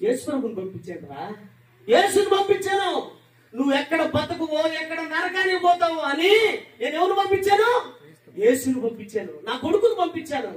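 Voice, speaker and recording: A man, a preacher, voicing God the Father as an anguished parent, pleading and shouting at his lost children. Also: extremely high pitch, very animated, a little fast. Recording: echoey room, distant mic.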